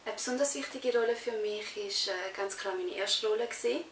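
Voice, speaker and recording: Speaking at normal speed and medium pitch, a young adult Swiss actress with a Swiss German accent gives relaxed interview answers. The setting is a sofa in a small indoor room, recorded with a distant mic that adds roomy echo and faint hiss.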